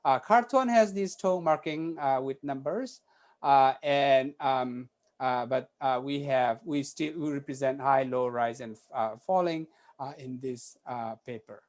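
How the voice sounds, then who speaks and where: A man giving an academic conference talk, halting and filling pauses with many "uh" sounds. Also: mid-range voice. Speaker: conference presenter.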